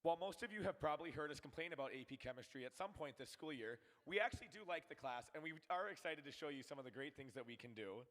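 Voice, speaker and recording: A man's voice: a little high, animated, fast talker, few pauses, a bit bright. A teenage boy hosting a school science show, friendly and reading from a script. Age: late teens. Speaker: host. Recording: echoey auditorium sound.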